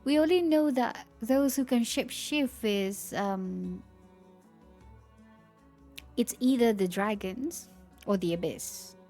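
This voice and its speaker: A woman's voice: a little high, takes it slowly, long pauses, dark tone, soft background music. A woman streamer reading game lore aloud, stumbling over words and breaking off to react.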